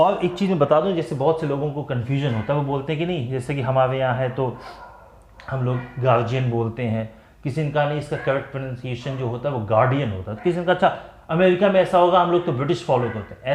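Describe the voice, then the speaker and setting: A young male teacher, speaking a little higher than most men as he walks students through English sounds for their exams. He repeats each word and sound patiently, and the room gives his voice a noticeable echo. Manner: explains slowly, repeating words and sounds to drill pronunciation. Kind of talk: exam-prep phonetics lesson. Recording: echoey room.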